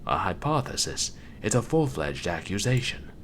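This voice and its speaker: A man's voice: deep voice, big pitch swings, moderate pace, a bit bright, heavily acted. A man voicing an exasperated, skeptical police detective in game dialogue, with an incredulous, challenging manner. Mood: agitated, disbelieving. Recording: clearly noisy background.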